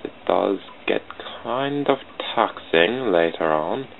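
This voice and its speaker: A British man whose voice is on the low side, animated but slow and creaky, talks to himself while drawing sprites on a computer for his channel, rambling and putting himself down. He records at a home desk on a cheap computer mic, giving tinny, phone-like lo-fi audio with a faint hiss.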